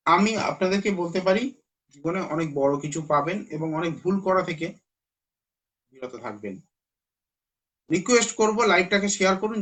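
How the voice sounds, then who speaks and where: A man's voice: high voice, fairly bright tone. A man with a Bengali accent, an astrologer on a live stream, lecturing viewers earnestly and urging them to listen.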